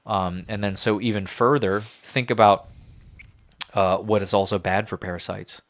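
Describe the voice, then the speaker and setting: Young podcast guy, low voice, dry close sound, riffs on wild theories. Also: steady tone, moderate pace, dry recording. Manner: speculative, joking, thinks out loud with many "like"s. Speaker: podcast co-host. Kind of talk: casual chat.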